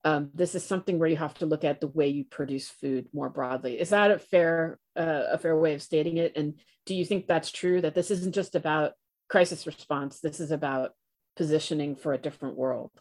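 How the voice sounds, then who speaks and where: Low-voiced woman interviewer, thoughtful. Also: brisk, darkish tone. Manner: thoughtful, frequent fillers like "you know". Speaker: podcast interviewer. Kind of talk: interview questions.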